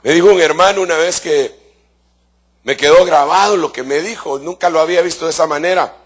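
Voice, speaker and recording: A male pastor with a slightly high voice preaches a fervent sermon a little fast, calling the congregation "brother" and posing rhetorical questions. His delivery swings between soft asides and shouted emphasis.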